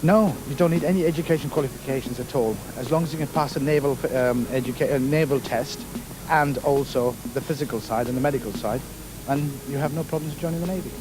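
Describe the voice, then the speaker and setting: A middle-aged man from Kenya, a navy petty officer answering interview questions in an unhurried, hesitant way with many fillers. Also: medium pitch, noisy background.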